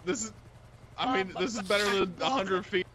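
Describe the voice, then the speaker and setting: A man's voice: high-pitched, a little fast, a loud crowd, natural voice. A man playing a hapless, complaining character in an improvised crime game role-play. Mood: pained, complaining.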